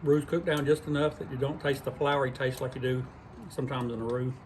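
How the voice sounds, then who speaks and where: Male vlog host, mid-pitched, folksy and self-deprecating, barn workshop, faint background noise. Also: level tone, fairly quick, a little mellow. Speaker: cooking channel host. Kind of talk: casual cooking vlog. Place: barn workshop where deer are cleaned.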